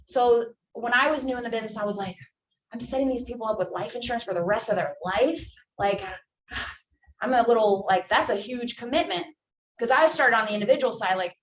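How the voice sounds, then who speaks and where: Young woman running a sales training, chatty and emphatic, kinda high voice, echoey and far from the mic. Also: a little hiss or hum. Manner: emphatic, chatty, lots of fillers. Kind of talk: training session for new sales agents. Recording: echoey room from far off, faint ambience.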